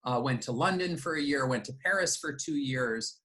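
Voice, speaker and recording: Middle-aged male interview guest, reflective storyteller, medium pitch, unhurried with fillers. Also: pushed and bright. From United States, raised in Japan. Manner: reflective, measured, with fillers and restarts. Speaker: guest, company founder and CEO.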